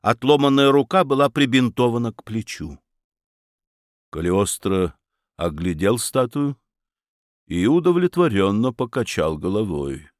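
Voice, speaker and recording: A man narrating an audiobook in an expressive storytelling manner. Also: fairly low pitch, measured pace, no echo, clean studio sound.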